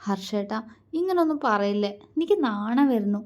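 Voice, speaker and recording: A woman's voice: fairly high pitch, normal speed, a little mellow, natural voice. A woman voicing a shy, sulky young wife. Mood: coy. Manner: whiny, coy pleading.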